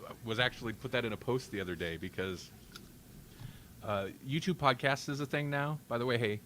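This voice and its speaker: A podcast host bantering casually on a live-streamed show talks in a rambling, wry way, often interrupting himself. His mid-range voice is fairly quick and fairly bright, with a little hiss or hum in the recording.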